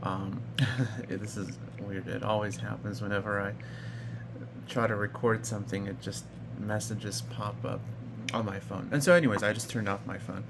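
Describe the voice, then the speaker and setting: A man's voice: on the low side, fairly even intonation, moderate pace, gravelly, noisy background. A man in his thirties from Iraq, casually telling his personal story in a rambling way, full of fillers and restarts. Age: 30s. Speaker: vlogger.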